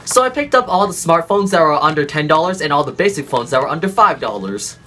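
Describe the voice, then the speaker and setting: Speaking fast and forcefully, this young man has a fairly high, bright, expressive voice. He's a YouTube host doing a comedic product-test vlog outdoors in a dirt yard, recorded on a camera mic, and he playfully counts down the drop tests with plenty of jokes.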